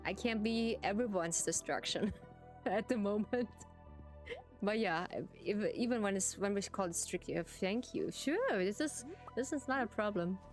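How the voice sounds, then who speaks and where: Faint music plays behind a German-accented woman as she streams a farming game, her medium-pitched voice lively in intonation while she jokes with viewers in plain, halting English.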